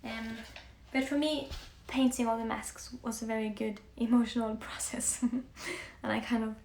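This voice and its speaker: A young Norwegian woman with a Norwegian accent, chatting softly on a livestream while she paints, often slipping into near-whispers. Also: on the high side, flat delivery, a little slow, gravelly. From Norway. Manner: soft-spoken, often drifting into near-whispers. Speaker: musician live-streaming to fans. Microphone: phone. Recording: echoey room with faint background hiss.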